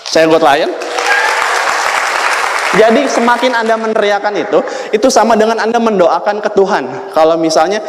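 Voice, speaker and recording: A man's voice: high voice, normal speed, long pauses, a little hiss or hum. A man gives a motivational talk at a sales event and keeps firing rhetorical questions at the crowd. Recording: echoey reverberant hall.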